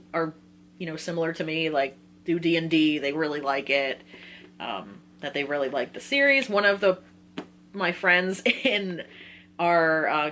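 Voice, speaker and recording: A woman in her twenties with a deep, slightly bright voice chats with viewers about a list of books as a book vlogger. Her delivery is casual and giggly, full of self-interruptions, over light background noise.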